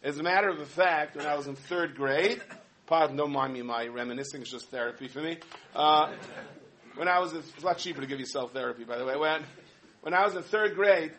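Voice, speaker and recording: A man giving a humorous sermon, telling stories in an animated way with many asides. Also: on the high side, fairly quick, slight background noise. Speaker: rabbi giving a talk.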